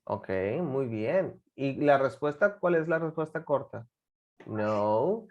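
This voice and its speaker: A woman's voice: a bass voice, expressive, slow pace, dull audio. A woman teaching an English class, patiently coaxing students with guiding questions and drilling pronunciation by repeating words.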